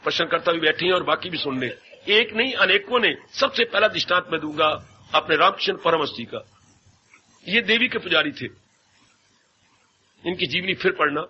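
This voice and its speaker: A man's voice: sits high, expressive, normal speed, long pauses. A man giving a devotional sermon as a spiritual teacher, telling stories and acting out voices. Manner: storytelling, often acting out voices. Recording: dull lo-fi 1990s tape with faint hiss.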